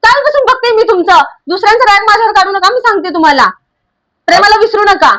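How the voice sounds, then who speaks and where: Casting: actress for a touchy young wife, high-pitched, rapid and sharp-tongued. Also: female voice. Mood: annoyed. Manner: quick, scolding retorts. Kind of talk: amateur drama acting.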